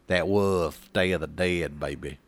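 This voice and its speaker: A man's voice: low voice, measured pace, no echo. A man co-hosting a podcast, chatting casually about horror films in a rambling way, full of fillers and swearing. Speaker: podcast co-host.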